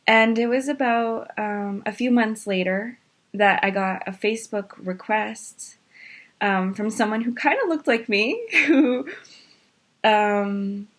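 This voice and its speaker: Twenties woman from maine telling her story, lots of ums, speeds up when excited. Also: medium pitch. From Maine, USA. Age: 20s. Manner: animated, with fillers and quick rushes. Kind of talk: casual personal storytelling.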